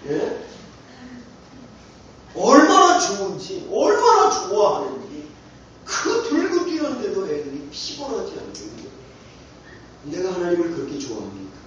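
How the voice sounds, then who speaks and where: A man's voice: sits high, wildly swooping pitch, a little slow, long pauses, a bit bright, slight background noise. A man preaching a sermon to a congregation, asking them question after question with fervor. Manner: impassioned, rhetorical questions to the congregation. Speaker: pastor. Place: church sanctuary. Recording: echoey church hall, distant dull mic.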